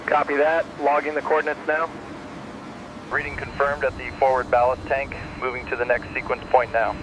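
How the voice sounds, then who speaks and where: A man's voice: mid-range voice, level tone, moderate pace, lightly acted. A man playing a businesslike shipyard crewman, giving clipped, procedural radio callouts. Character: businesslike male shipyard crewman calling out work orders. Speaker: work crew member on radio. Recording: noisy radio-style audio with machinery noise.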